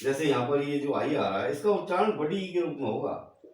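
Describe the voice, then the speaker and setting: A man teaching English pronunciation in a slow lesson, spelling out words letter by letter and then saying them, and addressing the viewers as dear children. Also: a little high, lively intonation, distant mic. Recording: very echoey room, voice away from the mic.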